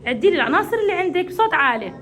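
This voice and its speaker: A woman's voice: very high voice, sing-song, very fast, fairly bright tone. A woman teaching a classroom of young children to count, coaxing and praising each child in turn. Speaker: kindergarten teacher.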